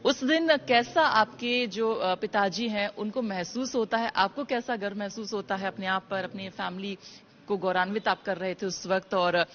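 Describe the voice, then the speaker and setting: A woman's voice: mid-range voice, moderate pace, fairly bright tone, lo-fi sound, a little hiss or hum. A woman interviewer asking conversational, long winding questions.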